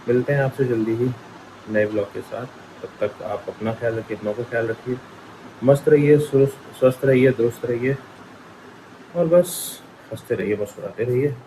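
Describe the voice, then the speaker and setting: A man's voice: mid-range voice, moderate pace. Male family vlogger, chatty running commentary, noisy outdoor phone audio. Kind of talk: casual vlog narration. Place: outdoors and around the home, on the move.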